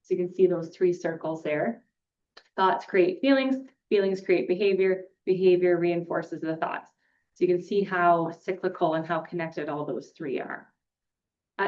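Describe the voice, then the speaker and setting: A woman facilitator explaining a skills lesson in a relaxed, plain way. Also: lowish voice. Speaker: group facilitator. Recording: dull lo-fi recording.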